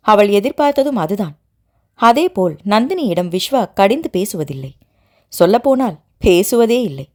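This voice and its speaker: A woman narrating a family novel in a steady storytelling reading. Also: medium pitch. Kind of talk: scripted narration.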